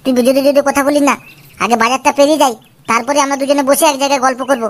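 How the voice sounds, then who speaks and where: A woman's voice: high voice, steady tone, natural voice. A woman voicing Futu, a mischievous, boastful boy in a cartoon, who talks in a cocky, scheming way. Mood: hushed. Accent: Bengali. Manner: cocky, scheming, quick-talking. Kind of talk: cartoon voice acting.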